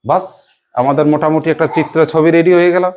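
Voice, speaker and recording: A man's voice: on the high side, fairly even intonation, fast talker, a little mellow. A male teacher runs a classroom lesson, calling pupils by name and praising each answer. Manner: encouraging, quizzing pupils by name.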